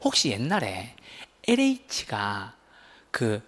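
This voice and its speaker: A man teaching a real estate exam class, lively and teasing as he keeps putting questions to his students. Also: mid-range voice, slow pace. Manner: animated, teasing, asks the class many questions.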